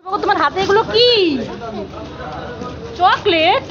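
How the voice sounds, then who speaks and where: A woman's voice: very high voice, measured pace, dull audio, over a noisy crowd, very noisy. A young woman, a mother, chatting playfully with her small children in a casual family vlog, teasing and coaxing them. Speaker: mother and vlogger.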